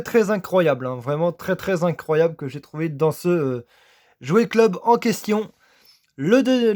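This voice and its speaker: A man chats about his model car collection in a casual, eager way. He hesitates often and stacks repeated intensifiers. His voice sits a little higher than most men's. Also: a little mellow. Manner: enthusiastic, repeats "très" over and over, halting with many "euh". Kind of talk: casual unboxing commentary.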